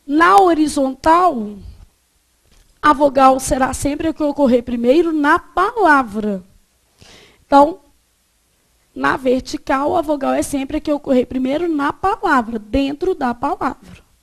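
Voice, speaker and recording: A Brazilian woman teaching grammar to a classroom, her voice sitting high. She keeps quizzing the students, stopping often to check that they follow before moving on. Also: measured pace, vocal fry. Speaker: Portuguese teacher.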